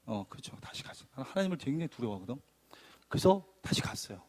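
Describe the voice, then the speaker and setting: Delivering a sermon testimony, a man tells his story with animated emphasis, acting out the arguments as he goes. His voice is medium-pitched and fast.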